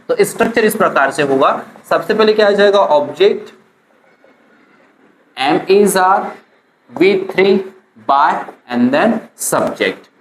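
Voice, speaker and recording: A woman with an Indian accent leads a classroom grammar lesson. She repeats example sentences slowly and keeps checking in with her students. Her voice rings in an echoey room over a faint background hum. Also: lowish voice. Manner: drills sentence patterns slowly, switching between Hindi and English. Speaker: English teacher.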